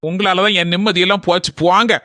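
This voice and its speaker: A man voicing a fussy young man who complains on the phone with a Kanyakumari Tamil accent, whiny and rapid. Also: high voice, flat delivery, bright, forceful tone, no room sound, clean studio sound. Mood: complaining. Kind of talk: cartoon voice acting.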